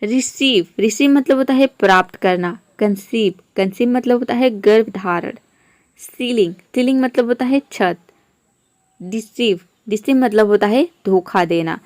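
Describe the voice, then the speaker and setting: Female teacher, slightly high voice, dry close sound, methodical step-by-step explaining. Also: a little slow, a little mellow, dry recording. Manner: patient, spells words letter by letter. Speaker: English teacher. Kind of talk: explaining pronunciation rules step by step.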